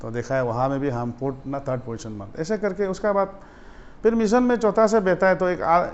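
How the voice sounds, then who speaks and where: A man from Arunachal Pradesh, a student leader telling stories from his school days in a casual interview, getting animated and loud as he retells his run-ins. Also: fairly high pitch, brisk. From Arunachal Pradesh, India. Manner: animated, rises sharply when retelling confrontations. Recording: slightly dull lo-fi audio.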